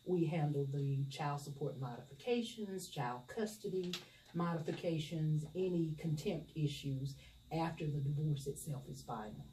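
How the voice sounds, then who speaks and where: A middle-aged woman, speaking as a judge in an interview and explaining in a measured, formal way. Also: low voice. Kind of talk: interview answers. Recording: echoey room, distant mic, loud noise.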